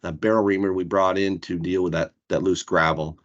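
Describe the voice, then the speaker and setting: A man's voice: low-pitched, little pitch movement, brisk. A man giving an informal project report to colleagues on a video call. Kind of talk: informal work presentation. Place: online meeting. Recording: dull, lo-fi video call audio.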